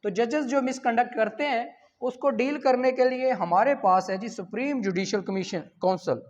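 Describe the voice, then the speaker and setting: A woman with a Pakistani accent and a slightly high, darkish voice speaks at a moderate pace like an exam tutor. She reads questions aloud, answers them didactically and repeats key points, on a muffled lo-fi recording with long, hall-like reverb.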